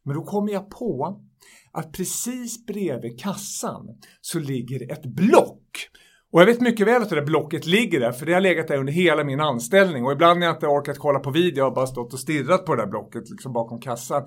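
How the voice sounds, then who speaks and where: A man with a high-pitched voice tells a long comic anecdote. He talks in a casual, animated way, mocking himself. His speech is loose and full of fillers.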